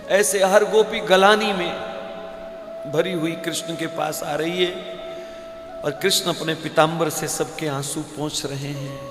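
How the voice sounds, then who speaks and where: A man's voice: fairly high pitch, steady tone. A male devotional preacher telling a sacred story in an emotional, dramatic way. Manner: emotional, slow, dramatic narration. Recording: echoey hall with faint music.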